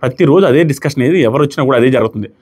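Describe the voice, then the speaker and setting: A man's voice: mid-range voice, rapid-fire. A man reviewing a reality show in casual, argumentative talk, often acting out what contestants said. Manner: emphatic, argumentative, re-enacts quotes loudly.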